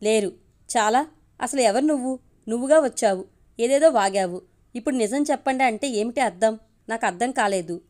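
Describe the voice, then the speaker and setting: A woman's voice: fairly high pitch, normal speed, long pauses, darkish tone, lightly acted. A woman voicing a stern young woman doctor who speaks in a cutting, scornful way, in an audio story.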